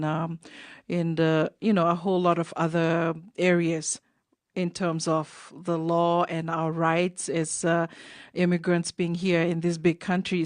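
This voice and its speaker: Low-voiced Fijian woman hosting radio. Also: dry recording. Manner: measured, many filler sounds, switches between two languages. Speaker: radio show host. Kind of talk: community radio interview.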